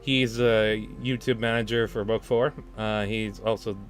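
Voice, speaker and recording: A livestream host talks over a music playlist in a fairly low, fairly even voice, going a little slowly. He's casual and hesitant, stammering and giggling as he speaks.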